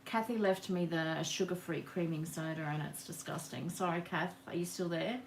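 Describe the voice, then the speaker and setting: A woman's voice: on the low side, fairly even intonation, normal speed, gravelly, a little hiss or hum. A woman chatting casually through a live craft demonstration at her home work table, rambling and greeting viewers by name. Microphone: camera on the work table.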